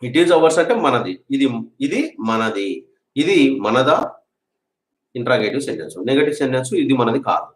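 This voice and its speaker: A man teaching a spoken English grammar lesson, patiently repeating example sentences slowly for learners to drill. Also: medium pitch, big pitch swings. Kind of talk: classroom-style grammar lesson. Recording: echoey room.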